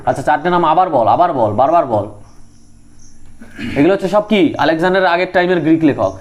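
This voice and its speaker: A man's voice: on the high side, lively intonation, fairly quick. A young man teaching a group study lesson, drilling names and making students repeat them. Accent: Bengali.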